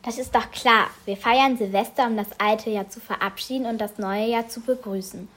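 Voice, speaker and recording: A woman's voice: on the high side, fairly even intonation, normal speed, a bit bright. A young school radio presenter cheerfully explaining a topic from her script.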